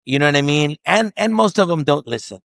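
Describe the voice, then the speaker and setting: A man's voice: fairly high pitch, lively intonation, a little fast, gravelly, fairly bright tone, no echo, clean studio sound. A man guest who co-owns a harness business, chatting casually, joking and chiming in to finish his partner's sentences. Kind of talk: casual chat.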